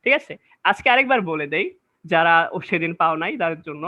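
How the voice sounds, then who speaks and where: A man's voice: fairly high pitch, expressive, fairly quick, sharp tone. A man gives a classroom-style grammar lecture. He explains step by step and keeps asking whether his listeners follow. The recording is dull and lo-fi. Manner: explains step by step, often checks understanding with questions. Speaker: English grammar teacher.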